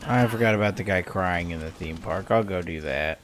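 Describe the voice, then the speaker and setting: A man's voice: sits low, brisk. A man casually commenting while playing a game on a live stream, joking and rambling in a self-mocking way.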